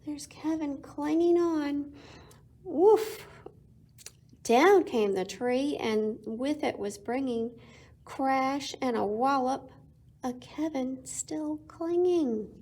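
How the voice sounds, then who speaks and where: With a high voice, a woman brings a children's picture book to life at storytime through expressive reading punctuated by dramatic pauses.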